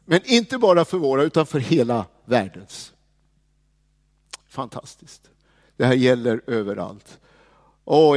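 A man preaching a sermon, dropping to hushed, slow words and then rising to loud, proclaiming lines. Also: mid-range voice. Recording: long hall reverb.

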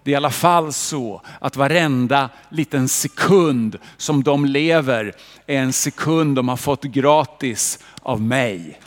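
A preacher voicing a scornful almighty God. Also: male voice, medium pitch, in a large hall, voice pushed down, close to an everyday voice. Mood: ironic, superior. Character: God, all-powerful male creator, ironic and superior.

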